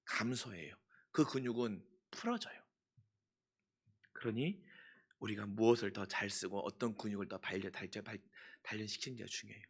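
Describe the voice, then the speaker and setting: A man preaching a sermon as pastor, putting questions to the congregation and answering them himself, moving from hushed asides to loud impassioned pleading. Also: fairly low pitch, normal speed, breathy edge.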